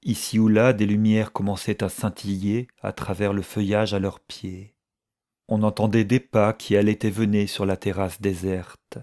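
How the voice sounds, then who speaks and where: A man narrating a story in a measured, even audiobook reading. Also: fairly low pitch.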